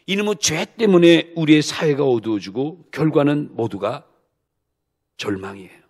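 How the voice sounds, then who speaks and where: A man, a senior pastor, preaching a sermon with emphatic rhetorical questions to the congregation, swinging from soft low asides to loud bursts. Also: lively intonation, normal speed. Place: church sanctuary.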